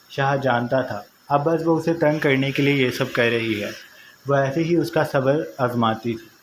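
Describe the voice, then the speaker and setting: A man reading a romance novel aloud in steady scripted narration. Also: mid-range voice. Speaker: novel reader. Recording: noisy home recording.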